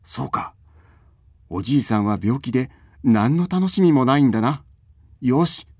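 A man's voice: mid-range voice, expressive, moderate pace, a little mellow, no room sound, studio quality. A man voicing a kindhearted male shape-shifting trickster in a folk tale, grumbling to himself and calling out cheerfully. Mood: resolute. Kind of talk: storybook reading.

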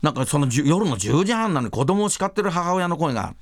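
A man hosting a show, chatting casually and retelling stories in an animated way with many fillers. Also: fairly high pitch, fast, no room sound, studio quality. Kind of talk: casual storytelling.

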